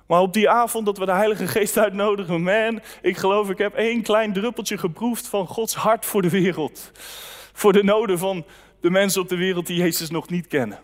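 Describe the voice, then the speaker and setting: A man delivers a sermon in an easy, conversational way, sharing personal stories and reading scripture aloud. His voice sits fairly high. The sound carries a long reverb, as in a large hall. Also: fairly even intonation, moderate pace. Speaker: pastor.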